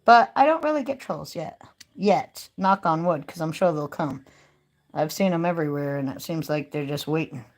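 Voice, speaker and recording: A woman's voice: deep voice, expressive, normal speed. A woman chatting casually on a live stream and talking straight to her viewers in a folksy, easygoing way. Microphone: phone.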